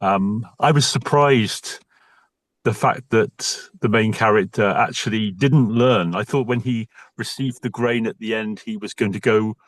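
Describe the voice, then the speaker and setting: A man's voice: fairly low pitch, unhurried, no room sound. A man calling in from his car over a video call, his audio choppy and breaking up, giving a thoughtful, appreciative comment. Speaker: festival audience member commenting. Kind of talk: casual spoken comment.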